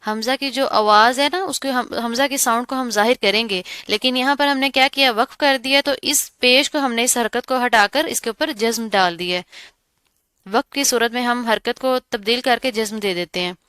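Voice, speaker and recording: A woman teaching a Quran recitation lesson, explaining each rule step by step and repeating words slowly. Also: fairly high pitch, sharp tone, smooth, dry recording, clean studio sound. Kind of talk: tajweed lesson.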